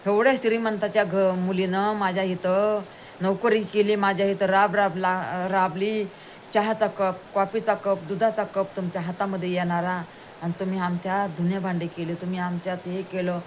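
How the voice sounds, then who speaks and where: A woman voicing a kind, humble rich man in a told story, speaking gently and reassuringly. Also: medium pitch, level tone, moderate pace, a little hiss or hum, close to an everyday voice. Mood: moved.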